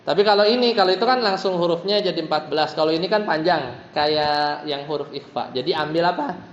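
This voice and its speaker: A Quran recitation teacher with an Indonesian accent leads a tajwid lesson, patiently explaining each letter and chanting verses for students to repeat back. His voice is fairly high and brisk. The recording sounds dull and roomy, as if in a hall, with a little hiss or hum.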